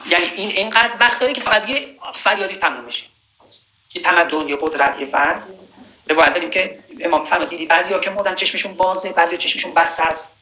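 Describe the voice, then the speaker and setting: A man giving a sermon on Quranic verses, slowly reciting Arabic verses and then explaining them in a conversational way. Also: sits high, sharp tone, roomy sound, a little hiss or hum, poor audio. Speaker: preacher.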